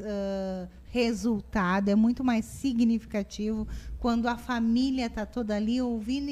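A woman family therapist, explaining parenting advice in casual talk and acting out what parents and children say. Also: a little high. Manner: warm explanatory, acts out parent and child quotes.

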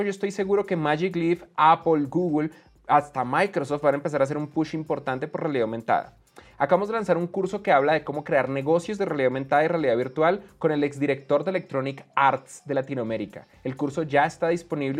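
Man, podcast host, blunt, animated, swears a lot, faint music behind. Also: on the high side. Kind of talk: opinionated tech commentary.

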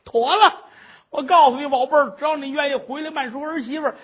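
A man voicing a remorseful old mother-in-law who exclaims loudly and apologizes in a fawning way. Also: sits high, very animated, normal speed, muffled recording, a little hiss or hum. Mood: pleading.

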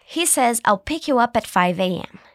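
A woman hosting an English lesson podcast, cheerful, modeling phrases slowly for listeners to repeat. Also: a little high, expressive, fairly bright tone, no room sound, clean studio sound. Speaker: English teacher and podcast host. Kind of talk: scripted language lesson.

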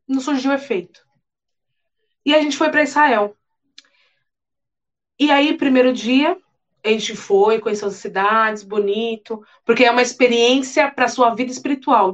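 A young woman with a high, bright voice tells an emotional testimony from the pulpit, earnest and animated, repeating phrases for weight. The recording is dull and lo-fi. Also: measured pace, long pauses. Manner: animated, earnest storytelling with repetitions. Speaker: preacher giving a testimony. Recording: dull lo-fi sound.

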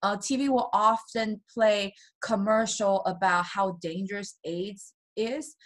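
A woman from Taiwan, a guest in an interview, telling her personal story in a soft voice with nervous little laughs. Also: medium pitch, steady tone, unhurried. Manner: soft-spoken, laughs nervously between painful memories.

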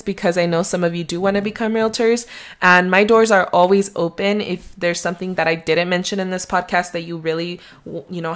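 A young woman with a slight Mexican accent and a lowish voice hosts her own podcast. She's a real estate agent who gives advice in a rambling, conversational way.

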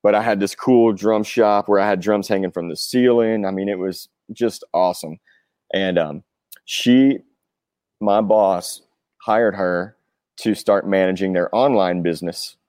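Male, forties, lowish pitch, earnest, reflective, rambling casual interview answers, dry sound. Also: measured pace, darkish tone, no echo. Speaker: interview guest, touring rock drummer. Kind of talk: casual chat.

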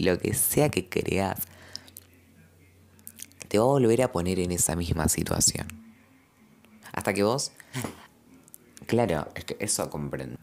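A man's voice: low-pitched, gravelly. A young man with a Rioplatense accent, rambling reflectively in a casual confessional podcast monologue full of slang. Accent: Rioplatense Spanish. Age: young adult. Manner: gestures and moves while talking. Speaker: podcast host.

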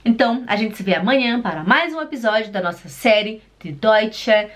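A woman with a Brazilian Portuguese accent gives a casual online German lesson. She chats, laughs often, ends phrases with a questioning tag and slows down to spell out words. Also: a little high, expressive, a bit bright. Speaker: German teacher.

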